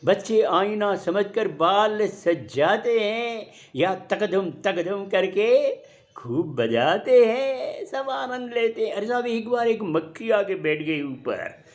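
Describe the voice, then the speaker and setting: An older man performing comic poetry on stage, with a drawn-out comic delivery. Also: high-pitched. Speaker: comic poet. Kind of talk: stage comedy poetry recitation.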